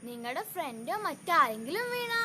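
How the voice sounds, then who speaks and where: A woman teacher with a Kerala accent gives an online class to first graders, asking the children slow, sing-song questions and switching between languages. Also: high-pitched, very animated. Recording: loud background noise.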